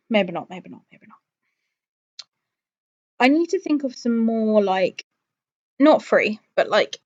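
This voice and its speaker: A woman with a medium-pitched voice hosts a live stream, chatting casually and rambling to viewers. She thinks aloud and often talks herself around to a different view. The recording has its highs cut off.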